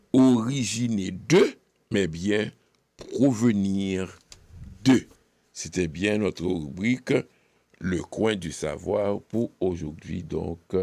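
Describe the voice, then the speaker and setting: Slow gravelly man teaching correct French. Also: low-pitched, a little mellow, dry recording. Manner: repeats each phrase slowly for emphasis, with hesitant fillers. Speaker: radio presenter. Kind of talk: educational radio segment on correct French usage.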